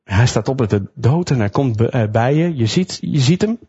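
A man preaching a sermon, retelling a Bible story in a lively storytelling manner and acting out the quotes. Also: medium pitch, normal speed, slightly rough. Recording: dull lo-fi recording.

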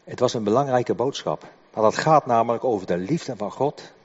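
An older man giving a sermon in a halting way, often repeating words as he explains. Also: medium pitch, lively intonation, husky. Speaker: preacher. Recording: dull echoing hall recording.

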